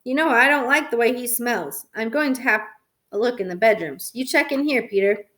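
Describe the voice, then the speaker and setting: A woman's voice: a little high, a little fast, a bit bright, close to an everyday voice. Woman doing a flustered scolding mom. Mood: worried. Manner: exasperated, scolding. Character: flustered busy mother of two boys.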